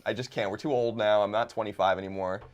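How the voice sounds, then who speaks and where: A man in his thirties co-hosting a casual comedic talk show, teasing his co-host in deadpan banter. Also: on the low side, fast, dull audio. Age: 30s.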